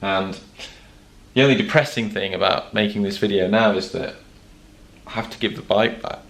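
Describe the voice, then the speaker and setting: A man's voice: lowish voice, normal speed, gravelly, a bit bright. A young man hosting a casual vlog, chatty and joking with plenty of fillers. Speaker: vlog host. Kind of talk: casual vlog chat to camera.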